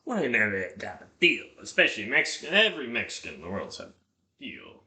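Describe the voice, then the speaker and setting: A man with a slightly low, bright voice talks casually to himself and his viewers. He rambles as he thinks aloud and swears freely. The room around him is clearly echoey. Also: wildly swooping pitch, brisk. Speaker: streamer cooking on a livestream.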